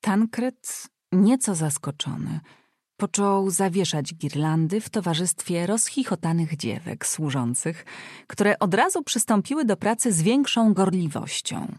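Woman, audiobook narration, low voice, dry close recording, calm. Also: a little slow, breathy edge, dry recording.

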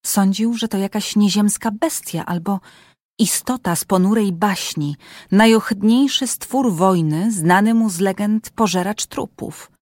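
Woman audiobook narrator, slow and measured, dry close sound. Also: mid-range voice, darkish tone, dry recording. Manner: measured, suspenseful reading.

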